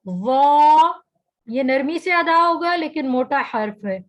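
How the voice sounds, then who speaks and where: Lady teacher w a high voice on an online class, stretches out each letter sound, patient explaining. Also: animated, fairly bright tone, poor audio. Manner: slow, careful pronunciation of each letter. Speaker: Quran recitation teacher. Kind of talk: online tajweed lesson.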